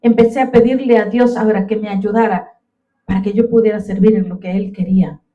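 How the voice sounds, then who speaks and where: Far from the mic, with the highs cut off, a woman in an echoey church sanctuary preaches fervently, often calling to her brothers and sisters in the pews. Her mid-range voice is a little fast and fairly even in intonation.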